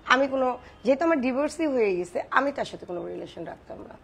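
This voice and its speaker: A woman's voice: high-pitched, animated, fast, vocal fry, fairly bright tone, slightly rough. A middle-aged woman, a former film actress, giving firm opinions in a casual interview and mixing in English words. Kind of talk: casual talk show interview.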